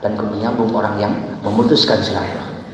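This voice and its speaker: A man's voice: lowish voice, fairly even intonation, quick pace, a little hiss or hum. Male preacher, emphatic sermon, rhetorical questions, big hall echo, distant mic. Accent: Indonesian. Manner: swings from shouted emphasis to soft asides, rhetorical questions. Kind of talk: dawn sermon to a gathering. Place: large hall with long reverb. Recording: echoey hall, voice from far off.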